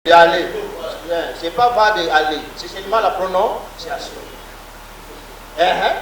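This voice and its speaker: A man's voice: high-pitched, unhurried, a bit bright. A man from the Democratic Republic of the Congo teaching a Hebrew class at a university, coaxing students with repeated questions and prompts. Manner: repetitive, coaxing, quizzes students. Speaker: Hebrew lecturer. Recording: echoey noisy classroom from far off.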